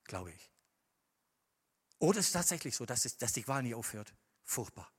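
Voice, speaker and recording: In a church hall full of long, ringing reverb, a male preacher with a slightly husky voice delivers a sermon. His pitch swings widely as he moves from quiet, measured scripture reading to loud, impassioned appeals.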